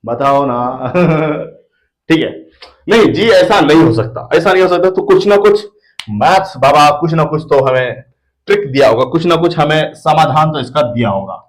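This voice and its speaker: A man with an Indian accent teaches a maths lesson in a playful, chatty way. He repeats phrases over and over as he talks to the children. His voice sits a little high for a man. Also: animated, moderate pace, low-quality recording.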